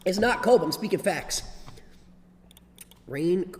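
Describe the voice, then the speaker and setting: A man's voice: high voice, lively intonation, slow. A young man chatting casually to livestream viewers in slang and repeating himself. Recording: echoey reverberant room with background noise.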